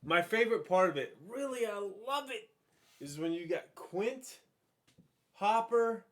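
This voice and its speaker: A man's voice: sits high, very animated, moderate pace, a bit bright. A drunk man chatting casually as a movie review co-host, rambling, swearing and repeating himself as he loses his thread. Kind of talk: casual chat.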